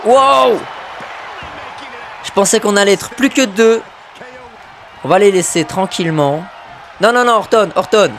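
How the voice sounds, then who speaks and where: Excitable high-voiced male game commentator. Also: measured pace, long pauses, some chatter behind, slight background noise. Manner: excitable, bursts into shouts at big moves, mutters asides to himself. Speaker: gamer commentating his own wrestling video game match.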